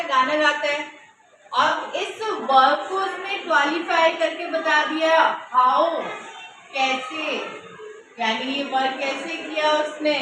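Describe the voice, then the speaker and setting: A woman teaching a grammar lesson, asking questions and answering them herself. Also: sits high. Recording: echoey room from far off with noise.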